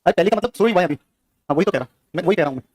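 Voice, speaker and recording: Male teacher, high voice, very fast classroom lecture, dry close sound. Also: lively intonation, darkish tone, dry recording. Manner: quizzes students with rapid questions.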